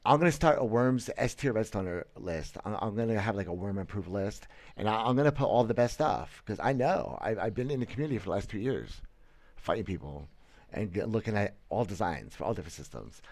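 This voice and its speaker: Seated in a small room with a headset mic and webcam framing, a man in his thirties provides casual commentary on his gaming stream. His lowish, darkish voice moves fairly quickly with lively intonation and no room sound. He's blunt and boastful, often stammering and restarting.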